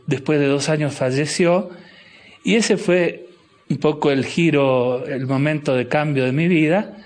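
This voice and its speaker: A middle-aged man with an Argentine accent, a bishop answering interview questions slowly and thoughtfully, with many restarts and fillers. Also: mid-range voice. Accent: Argentine Spanish. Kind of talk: interview guest.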